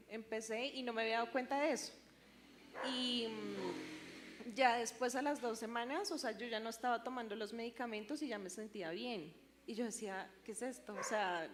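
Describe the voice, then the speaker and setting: A woman's voice: medium pitch, in a large hall, slight background noise. A young woman, sharing a personal church testimony in a hesitant way with many fillers. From Colombia. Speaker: church member giving testimony.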